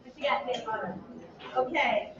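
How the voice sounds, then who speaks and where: A woman's voice: sits high, fairly even intonation, measured pace. A woman helping at a live auction, chatting casually and unscripted. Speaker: auction helper. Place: live auction room with people around. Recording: roomy, dull audio with crowd, off-mic.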